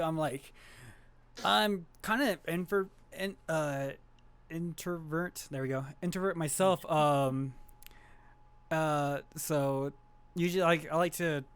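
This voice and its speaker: A man's voice: fairly high pitch, unhurried, clear, resonant tone. A man talking casually on a streamers' podcast, hesitant, with many restarts. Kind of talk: casual chat.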